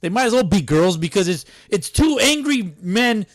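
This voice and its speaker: Brief: male podcast co-host, animated and profane, swooping pitch, dry close mic. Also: normal speed, dry recording. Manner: animated, swearing, laughing often. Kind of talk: casual chat.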